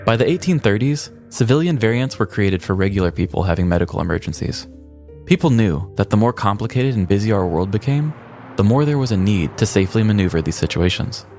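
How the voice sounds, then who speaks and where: Over soft background music, a podcast host reads scripted comedic narration with tongue-in-cheek, mock-dramatic flair. His voice is fairly low and a little mellow, with lively intonation and a fairly quick pace.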